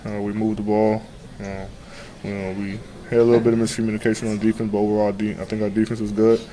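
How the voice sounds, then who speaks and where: A young man in his twenties, a basketball player giving a low-key postgame interview in a locker room, filler-heavy and matter-of-fact. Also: quick pace, slight background noise, low-quality recording. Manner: low-key, flat, many "you know" fillers. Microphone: handheld reporter mics close to face.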